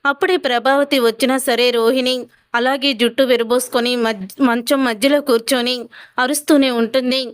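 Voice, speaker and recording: A woman retelling the plot of a TV serial in steady, plain narration. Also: high voice, moderate pace, clean tone. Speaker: storyteller.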